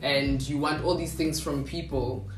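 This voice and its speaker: A woman's voice: low voice, steady tone, a little slow. Reflective woman in a roomy studio. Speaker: panelist. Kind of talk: casual panel discussion. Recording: roomy studio with music bed.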